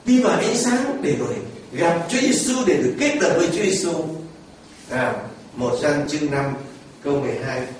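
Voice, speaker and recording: A man's voice: fairly high pitch, animated, normal speed, recorded from a distance, a little hiss or hum. A man preaching a sermon to his congregation, quizzing listeners and mimicking people as he talks. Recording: echoey church picked up from afar.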